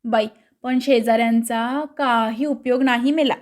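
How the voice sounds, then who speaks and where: A woman's voice: a little high, fairly even intonation, unhurried, a little mellow, lightly acted. A woman reading the part of a quarrelsome middle-aged housewife with a scolding tongue.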